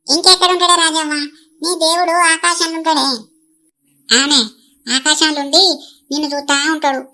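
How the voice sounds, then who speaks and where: A woman's voice: sits high, level tone, normal speed, sharp tone. A woman doing a soothing Telangana village woman. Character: gentle comforting village woman.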